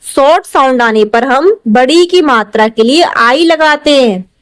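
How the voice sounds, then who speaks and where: A woman's voice: high voice, expressive, unhurried, dry recording. A woman, an English teacher patiently spelling out words syllable by syllable in a lesson. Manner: patient, explanatory, repeats and stretches syllables. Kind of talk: slow step-by-step spelling lesson.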